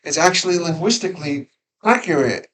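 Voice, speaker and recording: Higher-pitched man teaching a class. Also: animated, a little fast, a bit bright, low-quality recording. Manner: conversational, questions the students, frequent restarts. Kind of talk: classroom Torah lesson. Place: school classroom.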